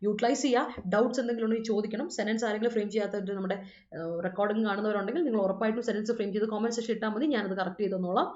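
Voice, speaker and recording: A woman's voice: medium pitch, fairly even intonation, racing, a little mellow. Woman, vocabulary teacher, mixes two languages and corrects students' sentences aloud. Echoey room, muffled sound. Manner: mixes Malayalam and English, reads students' comments aloud and corrects them; repeats reminders to remember. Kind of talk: live online class explaining English words. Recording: roomy, dull-sounding room recording.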